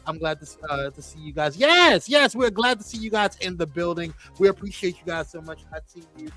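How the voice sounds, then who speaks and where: A man with a high, ringing, slightly bright voice hosts a live-stream show at a brisk pace. He greets viewers by name and banters playfully while faint music plays in the background.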